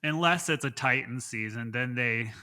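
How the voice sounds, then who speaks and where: A man's voice: medium pitch, moderate pace, pushed and bright. A man co-hosting a podcast, talking casually in a dry, matter-of-fact way. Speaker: podcast co-host. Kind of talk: casual chat.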